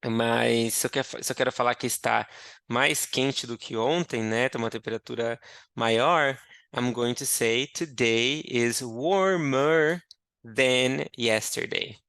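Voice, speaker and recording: A young man gives an English lesson at an unhurried pace. His voice is clear and resonant, with a gravelly edge, and it sounds dry and close to the mic. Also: medium pitch, steady tone, a bit bright, no room sound. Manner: slow and explanatory, switching between Portuguese and English. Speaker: English teacher. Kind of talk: teaching a language lesson.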